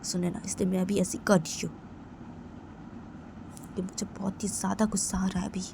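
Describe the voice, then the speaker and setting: A woman voicing an angry young woman who keeps repeating herself, loud and indignant, in a homemade storytelling video. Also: medium pitch, level tone, moderate pace, gravelly, noisy background, lightly acted. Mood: upset. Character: young woman, furious at her own mother.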